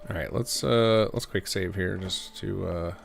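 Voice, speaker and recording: A man's voice: deep voice, a little slow, gravelly, slight background noise. A man giving casual, rambling gameplay commentary as a streamer, thinking aloud. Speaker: game streamer and modder.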